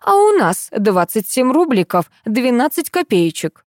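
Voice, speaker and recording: A woman's voice: fairly high pitch, very animated, measured pace, a little mellow, dry recording, studio quality, pitched above the performer's own voice. A woman voicing a naive, bewildered young wife who misunderstands sums.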